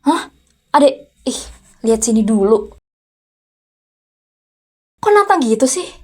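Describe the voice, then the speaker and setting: A woman's voice: a little high, sing-song, takes it slowly, full character voice. A woman in an ASMR role-play voicing a furious, unmarried rich aunt who runs a company and is scolding her teenage nephew with sarcastic, challenging questions. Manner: scolding, sarcastic, repeated sharp "hah?" challenges. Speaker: VTuber role-play creator.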